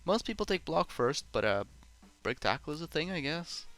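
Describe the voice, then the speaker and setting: A man co-hosting a casual podcast over a voice call, relaxed and a little hesitant, his failing headset making the audio choppy. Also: on the high side, moderate pace, soft background music. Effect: glitchy choppy internet audio. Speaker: podcast co-host. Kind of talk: casual chat about a board game.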